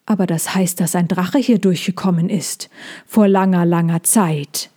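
A woman reading a storybook and voicing an earnest young male dragon who is quick to feel wronged. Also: lowish voice, warm tone. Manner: earnest, indignant.

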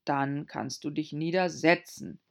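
Storybook king, a grown man, as a woman puts him on, pompous and a little melancholy. He gives orders loudly and slowly. Beneath the bluster he sounds tired. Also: low voice, vocal fry. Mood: commanding. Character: fussy weary male king, adult. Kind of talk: audiobook character voice.

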